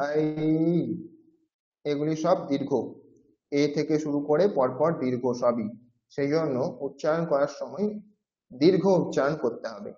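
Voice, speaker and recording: Here a man with a mellow, higher-leaning voice speaks at a moderate pace while teaching a language class. Patiently, he explains and repeats every sound several times to demonstrate it, in a classroom lecture recorded with roomy, dull sound.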